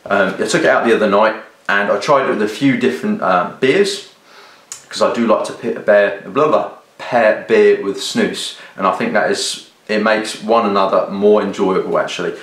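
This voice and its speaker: A British video reviewer with a lowish, slightly bright voice talks at a moderate pace in a casual, rambling product review to camera. He hesitates and rephrases often, and the sound is roomy and echoey.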